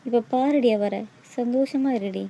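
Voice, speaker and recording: Actress as an angry, hurt mother, mellow dark voice, scolding and bitter. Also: on the high side, a little slow, gravelly, a little hiss or hum.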